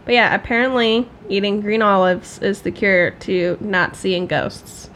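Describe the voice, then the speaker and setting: A woman's voice: medium pitch, measured pace, fairly bright tone, slight background noise. A woman co-hosting a podcast, chatting casually, laughing often and poking fun at herself. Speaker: podcast co-host.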